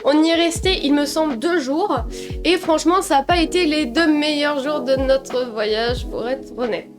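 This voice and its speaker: A young woman vlogger telling funny travel mishaps in a casual, animated and self-mocking way. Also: high-pitched, moderate pace, over music. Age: young adult. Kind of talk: casual storytime.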